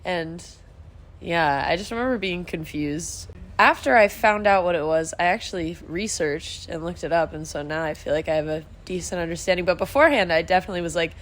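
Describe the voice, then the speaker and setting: A woman's voice: lowish voice, fairly quick. A woman in her twenties, a podcast guest, telling stories animatedly with laughs. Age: 20s. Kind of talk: casual chat.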